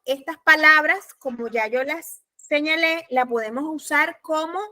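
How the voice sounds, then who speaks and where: A woman with a Panamanian Spanish accent teaching a law class, speaking deliberately and repeating her key points. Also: sits high, sharp tone. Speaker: law lecturer. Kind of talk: recorded class lecture.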